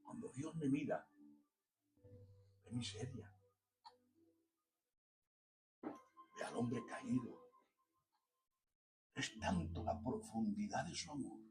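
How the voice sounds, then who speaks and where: A man with a Spanish accent preaching a sermon in a church, fervent, swinging from hushed storytelling to loud shouting. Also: medium pitch, takes it slowly, long pauses, roomy sound, far from the mic, poor audio.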